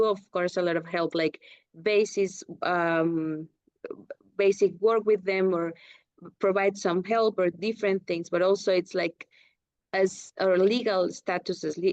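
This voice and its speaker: A woman's voice: medium pitch, a little mellow, dry recording, lo-fi sound. A young woman in a webinar discussion, searching for words with frequent restarts and fillers. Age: young adult. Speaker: webinar participant. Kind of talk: discussion on a video call.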